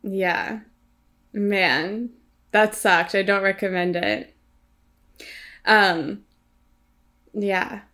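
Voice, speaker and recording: Young woman just chatting, mid pitch, lots of likes and laughs, tells it animated. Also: drawn-out words, pauses often. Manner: animated storytelling, laughs often, many fillers. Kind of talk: casual chat.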